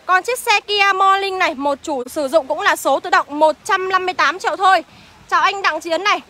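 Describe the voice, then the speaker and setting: A young woman livestreaming from a used car lot, briskly reading out car prices and greeting viewers by name, recorded on a phone as she walks. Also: very high-pitched, bright, forceful tone. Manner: brisk sales patter, reels off prices and addresses viewers as "anh".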